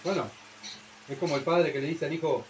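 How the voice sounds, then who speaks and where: A man's voice: fairly high pitch, fairly quick, a little hiss or hum, low-quality recording. A man with a Uruguayan Spanish accent preaching a sermon in church, who keeps asking the congregation rhetorical questions and checking with "¿verdad?".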